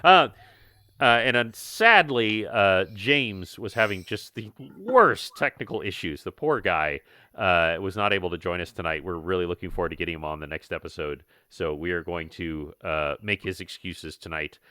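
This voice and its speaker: A man's voice: low voice, lively intonation, moderate pace, sharp tone, clean tone, no echo, studio quality. A middle-aged man hosting a tabletop game podcast, joking and announcing theatrically as dungeon master. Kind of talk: playful show introduction and banter.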